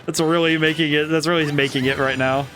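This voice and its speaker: A young man talks through his live game stream in a loose, chatty way, laughing a lot and tripping over his own sentences. His voice sits a little high for a man. Faint game music plays behind him. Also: steady tone, brisk, a bit bright. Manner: chatty, giggly, self-correcting with frequent laughs. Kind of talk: casual live-stream commentary while playing.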